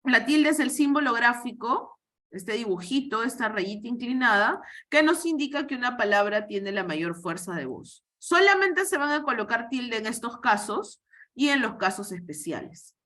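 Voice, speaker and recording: Woman teaching spelling over a video call, lively up-and-down voice, keeps asking "right?". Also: a little high, normal speed. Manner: patient, explains step by step with frequent "¿no?" checks. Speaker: writing workshop teacher. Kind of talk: online lecture on spelling rules.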